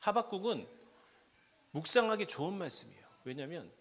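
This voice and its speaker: A male preacher with a high, very lively voice delivers a sermon at a prayer meeting. He puts questions to his listeners and swings between hushed asides and loud, impassioned cries. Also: fairly quick, slightly rough. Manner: asks the congregation questions.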